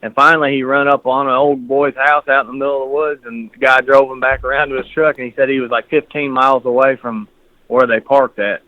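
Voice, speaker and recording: A man's voice: medium pitch, level tone, fast talker, no echo. Easygoing man on a clipped phone line. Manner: easygoing, rambling storyteller. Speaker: guest hunter. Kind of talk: casual chat. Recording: narrow phone-line sound.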